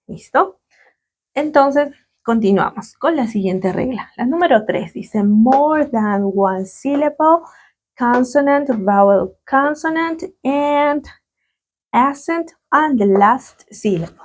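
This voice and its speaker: A woman's voice: medium pitch, a little mellow. Latin american woman teaching english grammar, patient, keeps checking in with the class, bouncy on key words. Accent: Latin American Spanish. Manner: patient, checks in often with short questions. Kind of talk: classroom explanation.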